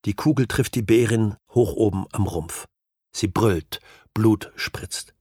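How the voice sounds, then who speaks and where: A man reading a novel aloud as an audiobook narrator, in measured, even storytelling. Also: on the low side, husky, no room sound, clean studio sound. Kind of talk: scripted literary narration.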